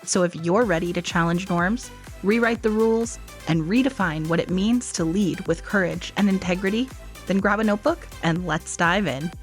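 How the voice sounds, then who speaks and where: A woman's voice: fairly low pitch, normal speed, faint music behind. A woman hosting a podcast, chatting in a casual interview with frequent laughs. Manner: animated, laughing often. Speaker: podcast host.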